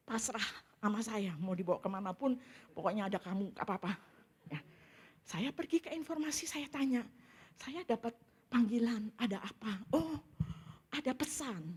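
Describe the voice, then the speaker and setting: A middle-aged woman giving a sermon testimony, telling her story in a lively way and often calling out to the congregation. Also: a little high, breathy edge. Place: church sanctuary.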